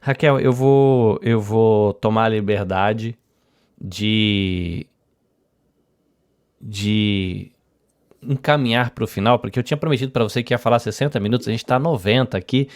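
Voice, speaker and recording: A man's voice: on the low side, unhurried, clean tone. Rambling Brazilian podcast host man. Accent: Brazilian Portuguese. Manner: rambling, self-correcting storyteller. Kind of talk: casual interview chat.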